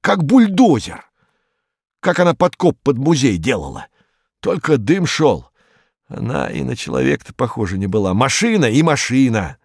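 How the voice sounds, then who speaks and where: A man voicing a frightened, superstitious male gangster informer who talks in a jumpy, rambling, pleading way, in a high, strained voice with a gravelly edge. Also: big pitch swings, moderate pace, no echo, clean studio sound, exaggerated voice. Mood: sullen.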